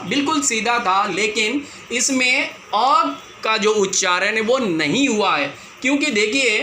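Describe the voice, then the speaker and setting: A man's voice: high-pitched, pushed and bright. A man teaching a grammar lesson to viewers, explaining patiently and repeating himself often. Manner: patient, repetitive explaining, addresses viewers as children. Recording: echoey room, faint background noise.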